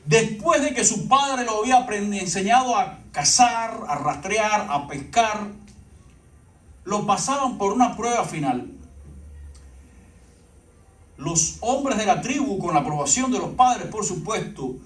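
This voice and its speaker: A man with a Cuban accent preaching a sermon, earnest and storytelling, at times dropping to a hushed tone. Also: high voice, lively intonation, a little slow, pauses often. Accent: Cuban Spanish. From Cuba. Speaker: pastor. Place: church sanctuary. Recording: roomy church sound from a distant mic.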